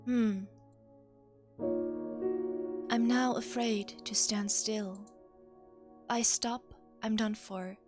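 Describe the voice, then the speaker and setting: A VTuber with a fairly high-pitched voice casually streams a game, reading visual novel text aloud between bits of chat. Her delivery is hesitant and full of self-interruptions and soft exclamations, with soft piano music in the background.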